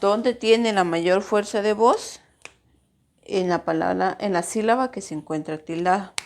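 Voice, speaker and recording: Slow, patient woman teacher with vocal fry. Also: mid-range voice, slight background noise. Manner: patient, stretches syllables to demonstrate stress; addresses pupils directly. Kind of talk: recorded grammar lesson for pupils.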